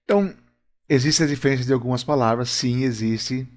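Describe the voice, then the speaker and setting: A man's voice: medium pitch, fairly quick. Brazilian man teaching English. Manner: explanatory, checks in with viewers often. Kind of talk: video language lesson. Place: room with a whiteboard.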